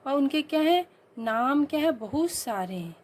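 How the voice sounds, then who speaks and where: A woman teaching a grammar lesson, reading each example sentence slowly and deliberately, then asking questions and answering them herself. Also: high voice, expressive. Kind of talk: exam-prep grammar lesson.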